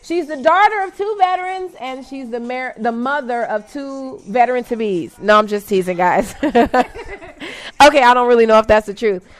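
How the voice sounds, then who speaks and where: A woman's voice: a little high, moderate pace. Upbeat woman hosting talk radio. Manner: upbeat, teasing, laughs at own jokes; stumbles and corrects herself. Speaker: radio show host.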